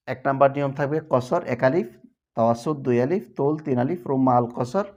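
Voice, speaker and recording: A man teaching Quran recitation rules in a televised lesson, explaining step by step and chanting verses slowly as examples. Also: mid-range voice, darkish tone.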